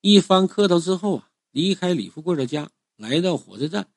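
A man telling a first-person story in a conversational, animated way, drawing out the ends of his phrases. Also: high-pitched, fairly quick, no echo, studio quality.

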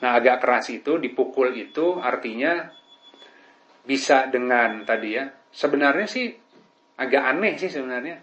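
A man's voice: mid-range voice, expressive, moderate pace, a bit bright. Man preaching, chatty. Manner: conversational, peppered with tag questions. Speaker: Islamic preacher. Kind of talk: casual religious lesson. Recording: dull lo-fi recording.

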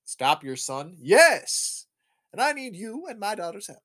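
A speaker acting out an older male scientist who gives hurried, stammering instructions while recapping a film. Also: medium pitch, sing-song, fairly bright tone, pitched above the performer's own voice. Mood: urgent.

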